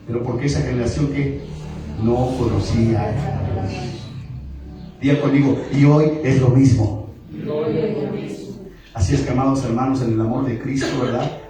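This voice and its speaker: A man's voice: mid-range voice, normal speed, pauses often. A man preaching a sermon as pastor, with emphatic call-and-response delivery. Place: church sanctuary. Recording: echoey church hall from a distant mic, music behind.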